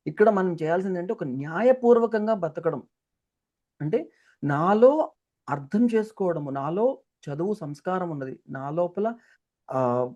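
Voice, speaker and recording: A speaker giving an unhurried, reflective teaching talk on life skills, explaining through everyday examples. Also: mid-range voice, darkish tone.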